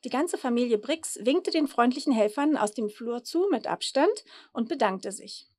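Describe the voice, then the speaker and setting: Woman reading a children's book aloud, fairly high voice, dry close sound. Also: expressive, moderate pace, a little mellow, no echo. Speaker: author reading her book.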